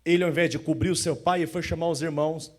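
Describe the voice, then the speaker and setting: A man preaching a sermon as pastor in a church, animated, often acting out the voices of the people he describes. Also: fairly high pitch, fast.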